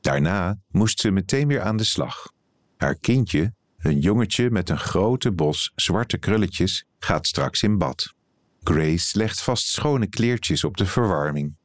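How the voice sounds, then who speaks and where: A man, an editor, reading a written reportage aloud in calm, even scripted narration. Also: low voice, slow pace, no echo.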